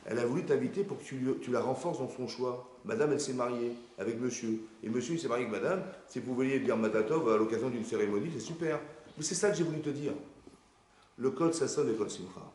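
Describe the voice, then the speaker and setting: A man, a rabbi, giving a lively lesson to his congregation, questioning the audience and acting out quoted voices. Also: medium pitch, fast talker, a little hiss or hum. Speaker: rabbi teaching a class. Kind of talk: lively sermon-style lesson. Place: synagogue hall. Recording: echoey room, faint ambience.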